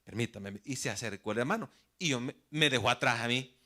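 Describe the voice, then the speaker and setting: A man's voice: medium pitch, a little fast. A man from El Salvador, a pastor telling stories in a Sunday sermon and often addressing the congregation as "brother". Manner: animated storyteller, often says "mi hermano". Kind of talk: sermon with storytelling. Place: church.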